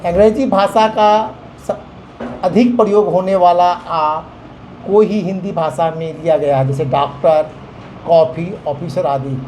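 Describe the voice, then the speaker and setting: High-voiced man teaching grammar. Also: darkish tone, a little hiss or hum, poor audio. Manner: slow, explaining step by step with examples. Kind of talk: Hindi grammar lesson for children.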